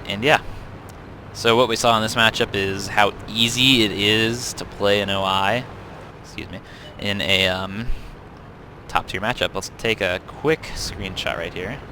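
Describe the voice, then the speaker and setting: A man's voice: lowish voice, unhurried, slight background noise. A young man casually commenting over replays of his own tank battles, chatty and self-correcting, with frequent ums. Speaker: game reviewer. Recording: tank game sounds loud behind voice.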